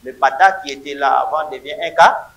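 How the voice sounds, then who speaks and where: A man's voice: medium pitch, fairly quick, gravelly, a bit bright, echoey room, lo-fi sound. A man teaching a Hebrew grammar lesson to a class, emphatic and repeating words to drill them.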